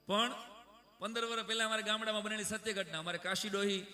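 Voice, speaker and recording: A man's voice: sits high, steady tone, fast, pushed and bright, soft background music. A man, telling a comic village story on stage and talking to the audience. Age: 30s. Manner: chatty, talks to the audience. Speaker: stage comedian. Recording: echoey live stage.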